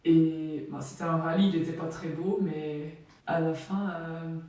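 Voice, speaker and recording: A woman's voice: sits low, fairly even intonation, a little slow, warm tone. A young woman from Belgium, a Flemish speaker with a Flemish accent, chatting casually and with many fillers as she gives a tour of her home. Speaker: volleyball player. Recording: echoey room from a distance.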